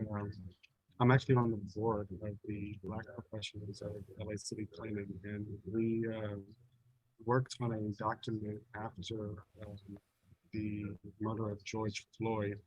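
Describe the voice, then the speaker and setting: A man calling into a community meeting on a video call with muffled, low-quality audio, speaking hesitantly with frequent fillers. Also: little pitch movement, normal speed, no echo. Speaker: city planning board member calling in.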